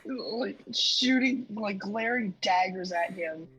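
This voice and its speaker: A woman's voice: mid-range voice, slow, a bit bright, breathy edge, soft background music, poor audio. A woman playing in a tabletop game, telling her moves in a laid-back, loose way. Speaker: player. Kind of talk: casual tabletop chat.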